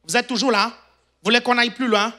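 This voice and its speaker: Male pastor, sermon, bright forceful voice, animated, jokey, keeps asking if the congregation follows. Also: very high voice, a little fast. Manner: animated, jokes, sudden shouts.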